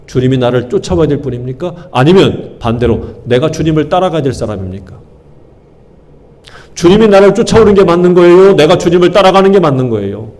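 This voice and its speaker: A man's voice: fairly high pitch, sing-song, brisk, darkish tone. A male pastor preaching a sermon, firing questions at his congregation and hammering key words through repetition. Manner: call-and-response questions to the congregation, emphatic repetition.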